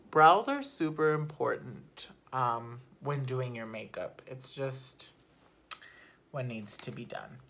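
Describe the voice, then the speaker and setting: A young woman talking casually through her makeup routine at home, chatty and unfiltered, swearing offhandedly and sometimes dropping to a soft murmur. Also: low voice, slight background noise. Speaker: beauty vlogger. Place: at home, not in a studio.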